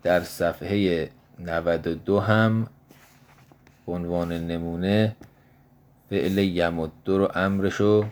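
A male teacher giving a grammar lesson in a slow, measured way, reciting verb forms one by one. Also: low voice, steady tone.

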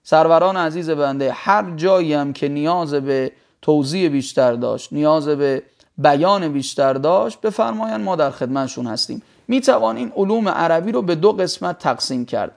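A man's voice: a little high, vocal fry. A male teacher giving a classroom lecture on grammar, quizzing his students and spelling out vowel sounds.

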